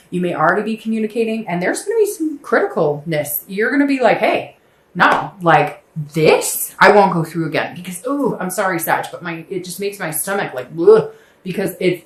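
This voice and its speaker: Woman, tarot reader, casual monologue, conversational, emphatic asides, medium pitch, echoey home room.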